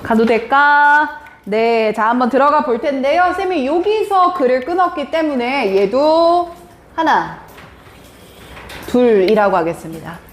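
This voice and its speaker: A woman teaching a live English class, her high voice leaping around as she fires questions at the students and teases them. The sound is roomy and echoey, with a faint hiss underneath. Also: unhurried. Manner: lively, questioning students, teasing.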